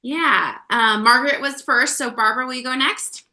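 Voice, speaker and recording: A woman leads a writing group over a video call, her voice bright and a little high. She is upbeat and laughs easily as she steers the conversation. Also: normal speed. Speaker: writing coach hosting group session. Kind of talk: casual video call chat.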